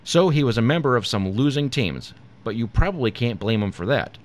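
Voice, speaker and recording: Man reading a lively comedy script. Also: mid-range voice, a little fast. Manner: reads from a script with stumbles and laughs. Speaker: co-host. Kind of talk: scripted comedy segment read aloud.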